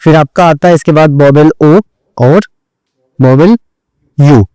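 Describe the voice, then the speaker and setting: A man's voice: on the high side, a little slow, mellow, clear, resonant tone, no echo, low-quality recording. A man teaching an online shorthand lesson, explaining each step and repeating "theek hai" after every point as he addresses his students directly. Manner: drills points over and over.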